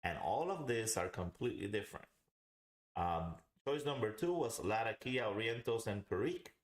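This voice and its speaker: Man chatting in an echoey room. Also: lowish voice. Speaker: host of a live pipe tobacco review. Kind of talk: casual livestream chat. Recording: roomy, echoing home recording.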